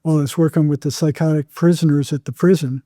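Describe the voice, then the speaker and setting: An older man, a psychotherapist guest in an interview, recounts things conversationally, halting, repeating words, and acting out remembered exchanges. His voice is slightly high but very mellow and muted, with a steady tone. The recording is dry and close, with no room sound.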